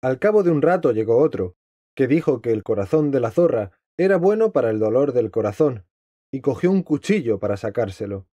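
A man voicing a wise counselor who tells a fable to a nobleman, in a calm, formal storybook reading. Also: medium pitch, no room sound, close to an everyday voice. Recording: dry, slightly dull lo-fi.

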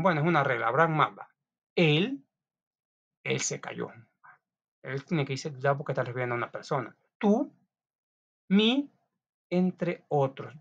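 A man's voice: mid-range voice, a bit bright. A man teaching a class, reading out notes in a chatty way with frequent restarts and small asides. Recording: dull lo-fi recording.

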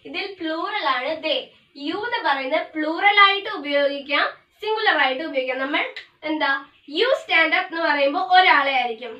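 A woman English teacher explains grammar, mixing in English terms and slowing down to spell out each definition. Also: high voice, expressive, sharp tone. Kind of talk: classroom grammar lesson. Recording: echoey room, voice from a distance.

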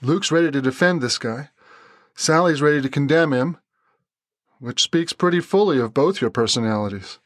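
Brief: man playing a calm young man, soft Texan accent, measured, slightly raised pitch. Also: dry recording, clean studio sound, lightly acted. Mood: frank.

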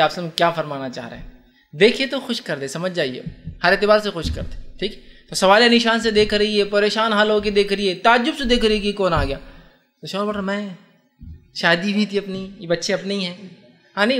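A man preaching an Islamic sermon, explaining his text line by line and often checking whether his listeners have understood. His voice sits a little high and rings bright and forceful, and his delivery is lively. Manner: animated, asks listeners rhetorical questions. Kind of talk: sermon on hadith.

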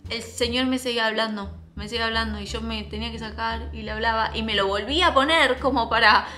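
A young woman with an Argentine Spanish accent, telling a story to her viewers in a casual, slangy and animated way. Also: on the high side, fast, faint music behind. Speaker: vlogger.

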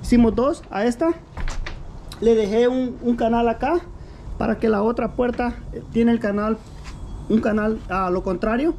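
A man's voice: extremely high pitch, fairly even intonation, normal speed, darkish tone. Man explaining carpentry in a noisy, echoey yard. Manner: explains step by step, checks in with frequent "ok?". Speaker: home repair vlogger. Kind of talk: casual how-to narration. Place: outdoor workshop by a shed.

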